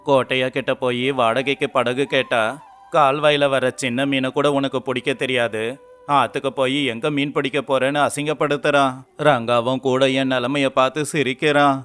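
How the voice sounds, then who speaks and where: A man voicing a poor, humble fisherman in an animated storybook, speaking in an earnest, pleading way. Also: medium pitch, moderate pace, clear, resonant tone, soft background music, lightly acted. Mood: despairing. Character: poor, humble young fisherman, despairing husband.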